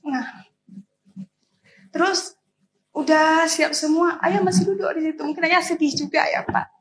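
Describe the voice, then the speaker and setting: High-voiced earnest young woman, tearful. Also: steady tone, unhurried, fairly bright tone, a little hiss or hum, rough recording. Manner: earnest, tearful, addresses the interviewer often. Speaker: interviewee, student. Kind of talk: emotional personal storytelling.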